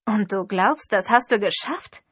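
A woman voicing a haughty, scheming young female rival in an audiobook, cold and taunting, breathy voice. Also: mid-range voice, unhurried, dry recording.

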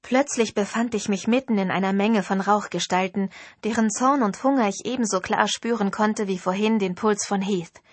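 A woman reads a novel aloud in the first person with even, expressive storytelling. Her voice is breathy and sits in the middle of her range. The recording is dry and close. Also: mid-range voice, normal speed, no room sound. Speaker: audiobook narrator.

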